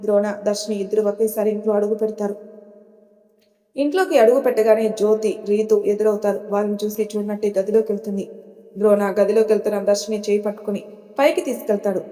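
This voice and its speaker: A woman storyteller narrating an audio story in a steady, plain manner. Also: medium pitch, fast. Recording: reverberant room.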